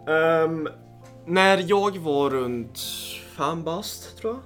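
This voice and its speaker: A young man tells stories on a casual podcast, with lots of fillers and swearing. His voice is bright and forceful. Faint music plays behind him. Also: on the high side. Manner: excitable storyteller, swears a lot, lots of fillers. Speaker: podcast co-host. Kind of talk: casual podcast chat, storytelling.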